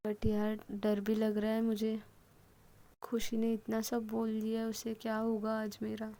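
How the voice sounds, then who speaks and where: A woman's voice: a little high, monotone, unhurried, mellow, poor audio. A woman voicing a frightened young woman in a love story, who stammers and pleads with her drunk girlfriend. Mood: worried.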